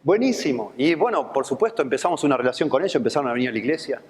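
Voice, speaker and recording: A man's voice: medium pitch, expressive, very fast, in a large hall. A man in his fifties with a Rioplatense accent, a pastor preaching with a conversational storytelling manner. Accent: Rioplatense Spanish. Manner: conversational storytelling, acts out quoted voices. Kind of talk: sermon with personal anecdote. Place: church.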